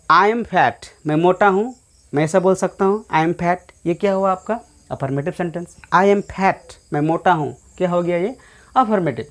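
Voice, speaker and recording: A man from India gives an English grammar lecture. He explains mostly in Hindi, mixing in English phrases, and keeps asking rhetorical questions with short fillers. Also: high-pitched. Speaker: English teacher.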